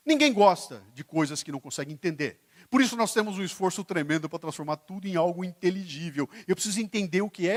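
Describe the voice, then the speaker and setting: A man with a Brazilian Portuguese accent giving a motivational lecture on stage, joking with and quizzing his audience. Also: high-pitched. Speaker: keynote speaker. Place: stage before a live audience.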